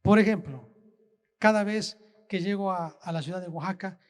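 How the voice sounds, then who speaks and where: A man preaching a sermon as a pastor, asking the congregation slow, deliberate rhetorical questions. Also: sits high.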